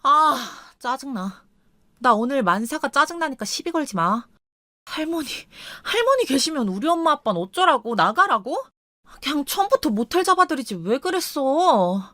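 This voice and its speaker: A woman voicing a selfish, tipsy young wife who talks in a high, whiny, petulant way. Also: sing-song, normal speed, fairly bright tone, dry recording. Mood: whiny irritation.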